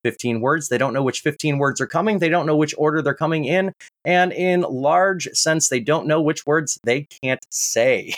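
Wry American man hosting a game show. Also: a little high. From United States. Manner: brisk, wry announcer patter.

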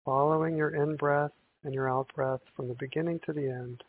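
A man guiding a breathing meditation in a calm, gentle, meditative tone, on a thin band-limited recording. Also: fairly high pitch, a little fast. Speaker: meditation guide. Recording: tinny band-limited audio with hiss.

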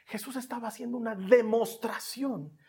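Husky Rioplatense preacher, dramatic swings. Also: medium pitch, steady tone, moderate pace. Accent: Rioplatense Spanish. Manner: swings between loud exclamations and hushed near-whispers; repeats rhetorical questions to the listener. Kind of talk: sermon.

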